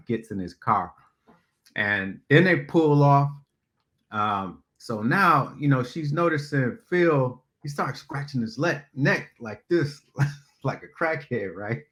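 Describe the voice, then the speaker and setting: A man's voice: medium pitch, animated, takes it slowly, fairly bright tone. A man vlogger telling a story casually, laughing often and using slang.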